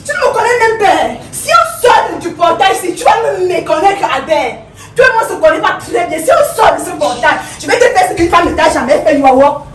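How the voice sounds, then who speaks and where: A woman's voice: very high voice, sing-song, brisk, far from the mic, slight background noise. A woman with a Cameroonian French accent playing an insistent young woman who keeps demanding the money her lover owes her. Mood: threatening. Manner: insistent, repeats demands, shrieks when angry. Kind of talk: comedy sketch acting. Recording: roomy, off-mic, faint clicks.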